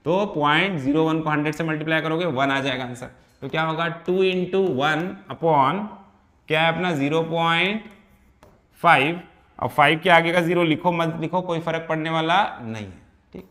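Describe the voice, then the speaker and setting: A man's voice: a little high, moderate pace, a bit bright. A male teacher working through a physics problem step by step, checking in often with his students. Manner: repeats and checks in with "है ना" and "ठीक है". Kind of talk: step-by-step problem solving lesson.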